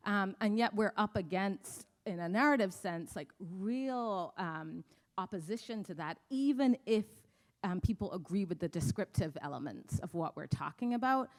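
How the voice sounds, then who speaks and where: A woman's voice: medium pitch, lively intonation, moderate pace. A woman from Barbados speaking as a panelist, thoughtful and earnest, with frequent fillers. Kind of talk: panel discussion.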